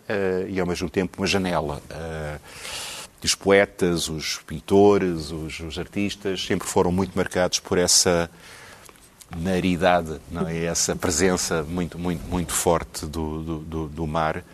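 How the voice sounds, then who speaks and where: Very low-voiced hesitant Lisbon man. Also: fairly even intonation, measured pace. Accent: Lisbon Portuguese. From Lisbon, Portugal. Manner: hesitant, many repeated words and fillers. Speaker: guest. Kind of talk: casual talk show conversation.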